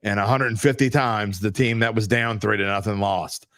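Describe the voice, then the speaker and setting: A man with a lowish voice argues sports bets in a blunt, worked-up way, often jumping higher as he presses a point. The sound is dry and close, with no room around it. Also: fairly even intonation, normal speed, fairly bright tone, no room sound. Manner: emphatic, blunt, worked-up arguing. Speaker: sports betting podcast co-host. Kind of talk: casual sports betting debate.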